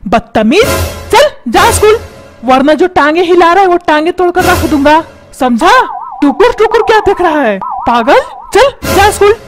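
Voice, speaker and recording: Woman playing a hot-headed cartoon father, very high and swooping voice, yelling and scolding, music underneath. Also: big pitch swings, normal speed. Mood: angry. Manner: yelling, scolding, self-pitying. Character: short-tempered shouting middle-aged father. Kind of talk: cartoon voice acting.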